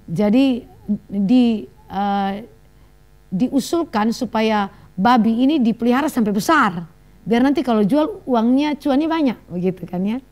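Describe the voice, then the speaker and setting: A woman preacher, giving a sermon full of stories, lively asides and laughter. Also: fairly high pitch.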